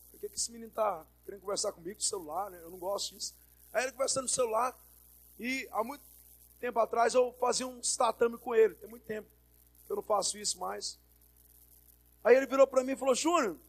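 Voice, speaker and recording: A Brazilian pastor with a high-pitched male voice delivers a sermon. He tells a personal story, acts out the dialogue in it and calls out to the congregation as he preaches. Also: fast talker. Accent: Brazilian Portuguese.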